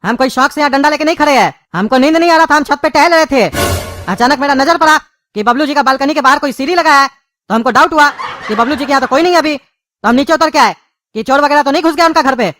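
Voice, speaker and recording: A woman voicing an irritable, bossy middle-aged father in a cartoon, speaking fast and gruffly. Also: high-pitched, a bit bright, slight background noise. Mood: defensive. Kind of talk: cartoon dubbing.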